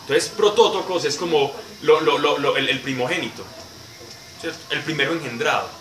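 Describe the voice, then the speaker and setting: Male Bible teacher explaining to a class, somewhat high voice, heard from a distance in an echoey, noisy room. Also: moderate pace. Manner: explanatory, answers questions, repeats words for emphasis.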